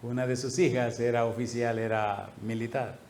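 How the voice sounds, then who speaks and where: A male pastor preaching a sermon, telling a story with lively laughter and acted-out voices. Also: mid-range voice, normal speed, slight background noise. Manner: animated, laughing, acting out quoted voices.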